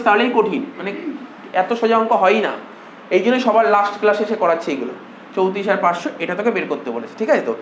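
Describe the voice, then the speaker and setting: A male accounting tutor with a voice that sits high talks fast through a classroom lecture, coaxing his students, repeating himself and asking them questions. The room is echoey, with a faint hum.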